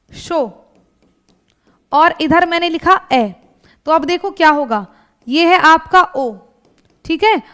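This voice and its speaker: High-voiced woman teaching grammar. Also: a bit bright. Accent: Hindi, North Indian. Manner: explains step by step, asking rhetorical questions; often adds checking tags like "thik hai" and "hai na". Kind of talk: exam-prep grammar lesson.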